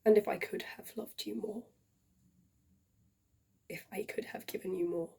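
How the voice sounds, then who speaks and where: A woman performing a dying, lovesick male soldier-poet in a hushed, half-whispered, heartfelt farewell monologue. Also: medium pitch, steady tone, creaky, breathy edge. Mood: grieving, tender. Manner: tender, grieving, slow and heartfelt. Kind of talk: dramatic monologue reading.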